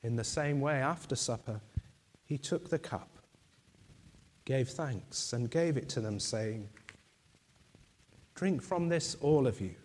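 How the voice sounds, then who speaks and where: A man leads communion in a church, reciting liturgical prayers slowly, solemnly, and in a measured way. His mid-range voice is a little mellow, but he is losing it.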